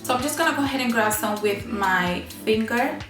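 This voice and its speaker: A beauty vlogger with a bad cold chats casually through a makeup tutorial, her voice honking, nasal, and stuffed-up. She speaks briskly and expressively on the high side, in a roomy, echoing space with music playing behind her.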